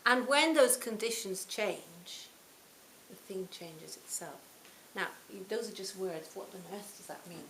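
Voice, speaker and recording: A Buddhist teacher in her sixties gives a reflective dharma talk to a retreat audience, telling stories warmly with phrases that often trail off softly. Her mid-range voice is a little slow, and the roomy hall carries a faint hiss.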